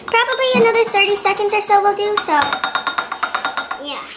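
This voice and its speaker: Very high-voiced teen girl cooking. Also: moderate pace, heavy background noise. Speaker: home cooking vlogger. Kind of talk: casual cooking demo. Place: home kitchen, indoors. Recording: kitchen with loud clattering of dishes.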